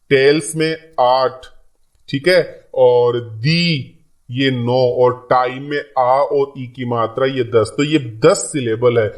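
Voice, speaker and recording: A man teaching an English lesson in Hindi, repeating key points and reading English lines aloud. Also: medium pitch. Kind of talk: classroom lecture.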